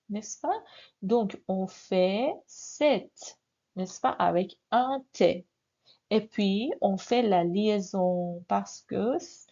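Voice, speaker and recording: Very slow, gravelly woman teaching French. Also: medium pitch, dark tone. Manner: says "oui" and "n'est-ce pas" constantly, repeats words for practice. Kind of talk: slow, repetitive grammar lesson. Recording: dull lo-fi audio.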